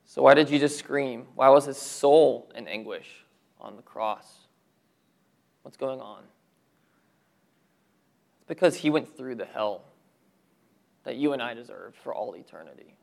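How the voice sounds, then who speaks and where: Gravelly guy preaching, earnest pastor, goes quiet and low on the big points. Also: a little slow, long pauses. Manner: earnest preaching with rhetorical questions, dropping low for emphasis. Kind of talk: sermon.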